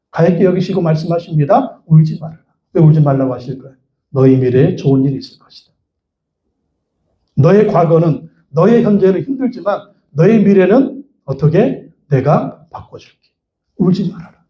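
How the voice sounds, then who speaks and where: A man's voice: high-pitched, dull audio. A man preaching a sermon as pastor, emphatic and repetitive, asking the congregation rhetorical questions.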